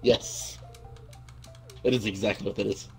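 A man's voice: fairly low pitch, fairly even intonation, measured pace, vocal fry, a little mellow, soft background music. A man playing a farming game with a friend, giving dry, brief answers. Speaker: gamer. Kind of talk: casual co-op gameplay chat.

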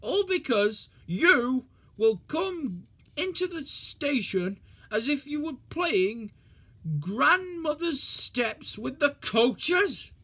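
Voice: high voice, sing-song, very slow, voice pushed up, exaggerated voice. A reader doing a cross, bellowing railway boss. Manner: loud, cross and scolding. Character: stout, stern railway boss, a man. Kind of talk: storybook reading.

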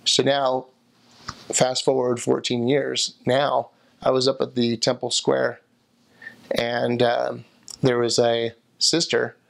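A man's voice: medium pitch, completely flat delivery, slow, creaky, fairly bright tone. A man in his thirties, seated indoors, recalling past travels in a rambling interview answer full of restarts and fillers. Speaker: returned missionary interviewee. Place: indoor room by a window, seated in armchair.

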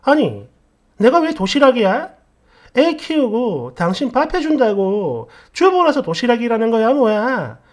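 A man's voice: extremely high pitch, very animated, a little slow, heavily acted. A man voicing an offended young wife confronting her husband in a read-aloud story. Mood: indignant.

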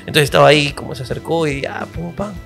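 Casual guy on a comedy podcast, fairly high voice with a bright edge, tells stories and acts out everybody in them, laughs a lot, a little music faint in the back. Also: fast talker, creaky. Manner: animated storyteller, acts out quotes, laughs often. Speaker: podcast co-host.

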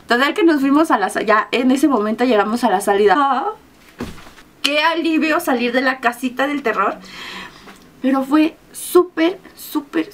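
A young Mexican woman vlogger telling a story in a casual, animated way, acting out her own screams and the lines of the people in it. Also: a little high.

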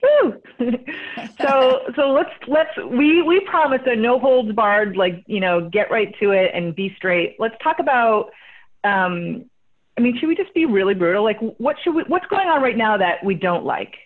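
A woman's voice: fairly high pitch, animated, normal speed. A woman hosts a live online chat with a bubbly, talkative energy, filling her sentences with casual fillers. Her voice arrives through a thin, phone-like line from a video call. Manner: bubbly, chatty, laughs often, many fillers. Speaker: host and company CEO.

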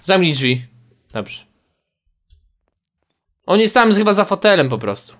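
A man's voice: sits high, sing-song, a little slow, fairly bright tone, a little hiss or hum. A man hosting a casual gaming session with friends, teasing and laughing often. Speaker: let's play host.

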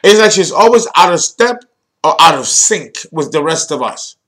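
Male astrology host, high pitched, playful and theatrical lecture delivery with jokey asides. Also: animated, normal speed, fairly bright tone. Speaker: astrology teacher and channel host. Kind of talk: animated video lecture.

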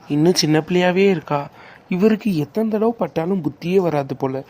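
A man's voice: high voice, brisk, darkish tone, a little hiss or hum, lightly acted. A man voicing a young older brother who teases and comforts his crying sister. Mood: resentful. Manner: teasing, reassuring. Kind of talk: cartoon voice acting.

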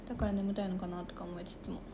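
A woman's voice: on the low side, little pitch movement, rapid-fire, background noise. A young woman chatting casually on a livestream, reading viewer comments aloud. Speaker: idol livestreamer.

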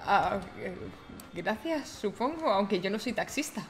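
A woman with an accent from Spain improvising casual role-play in an online game, blunt and quick to swear. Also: medium pitch, animated, loud music behind the voice.

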